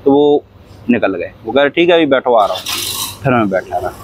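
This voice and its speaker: A man's voice: medium pitch, animated, fairly quick, slight background noise, low-quality recording. A man, a cab driver, telling a long story in a rambling, repetitive way, often coughing and acting out what people said. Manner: rambling, repeats phrases, acts out quoted dialogue; coughs often while talking. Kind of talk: casual storytelling interview.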